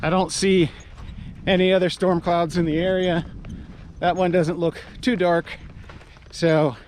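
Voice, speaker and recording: An American man hosting a casual outdoor vlog, speaking through a face mask in a halting, rambling way. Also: high voice, level tone, darkish tone. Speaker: outdoor video host. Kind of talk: casual vlog talk to camera. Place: outdoors at a mountain trailhead. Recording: noisy outdoor camera audio.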